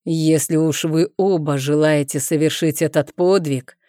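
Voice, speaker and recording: A woman's voice: low-pitched, steady tone, a little slow, dark tone, dry recording, studio quality. A woman voicing a stern king who speaks solemnly. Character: stern old king, proclaiming.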